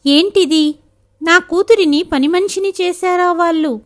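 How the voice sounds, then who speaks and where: A woman's voice: sits high, animated, normal speed. A woman reading the lines of a protective middle-aged mother in a spoken family story, anxious and indignant. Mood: worried.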